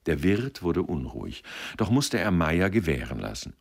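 Very deep, gravelly male narrator. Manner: measured, expressive. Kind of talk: audiobook reading of literary fiction.

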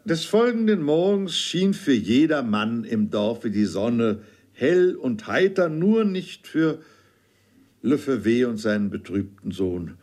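A male narrator reading a classic novel in scripted narration. His delivery is measured and unhurried, at an ordinary middle pitch. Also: very animated, darkish tone. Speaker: audiobook narrator.

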